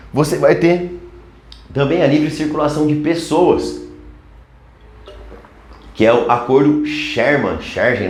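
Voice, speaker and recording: A man's voice: medium pitch, a little mellow, reverberant. A man with a Brazilian Portuguese accent teaching a geography lesson at a chalkboard, talking casually to his students. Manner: casual, addresses students as "cara". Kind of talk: chalkboard lecture. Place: classroom.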